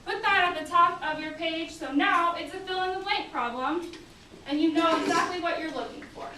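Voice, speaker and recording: Woman, teacher to class, high-pitched, firm directive delivery, very reverberant classroom, distant microphone. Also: moderate pace. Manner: firm, directive, checking for responses. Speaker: geometry teacher. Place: indoor classroom. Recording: echoey classroom, distant mic, faint noise.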